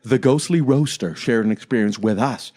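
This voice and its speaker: A man's voice: mid-range voice, normal speed, a little mellow. A man co-hosting a podcast in casual chat, playful and joking about his purchases. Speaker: podcast co-host.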